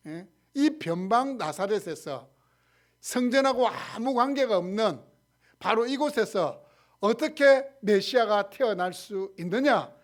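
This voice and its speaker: A man preaching a Sunday sermon as pastor, asking the congregation questions and acting out quotes, with loud stresses and quiet trailing phrases. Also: high voice. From South Korea.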